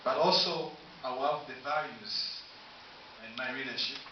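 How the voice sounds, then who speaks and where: Tanzanian man giving a campaign speech, echoey. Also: medium pitch. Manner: formal, listing points, slow halting delivery. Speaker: student council candidate. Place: university room. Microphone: camera from afar, no mic. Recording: distant echoey room, dull hissy sound.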